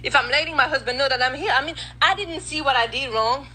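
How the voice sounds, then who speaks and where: A woman telling a painful personal story in a halting way, with many restarts and retold dialogue, speaking English as a with as her first. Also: sits high, sharp tone, a little hiss or hum, rough recording. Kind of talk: emotional personal account.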